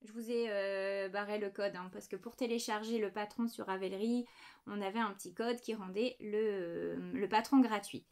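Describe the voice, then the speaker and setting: A woman's voice: mid-range voice, fairly even intonation, normal speed, darkish tone. A woman in her thirties hosting a casual knitting podcast from her home desk, chatty and a little apologetic as she shows small items. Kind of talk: casual show-and-tell chat.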